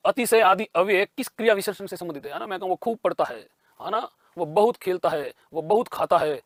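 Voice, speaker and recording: A man's voice: sits high, brisk, dry recording. Man teaching grammar, asking his own questions. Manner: explains by asking and answering his own questions, repeats key terms. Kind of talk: exam-prep grammar lesson.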